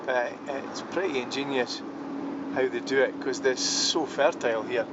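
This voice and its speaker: A man talks through his travel vlog in an easy, wondering way, full of ums and half-finished thoughts. His voice sits at an ordinary middle pitch. Steady vehicle and outdoor noise runs clearly underneath. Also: moderate pace, dull audio. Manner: musing, chatty, frequent ums and restarts. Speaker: travel vlogger. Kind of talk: casual travel vlog narration. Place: on the road and outdoors in a small town.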